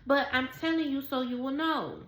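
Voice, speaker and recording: A woman telling a personal story to her viewers in a casual, animated and emphatic way. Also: high voice, normal speed, reverberant. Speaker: vlogger.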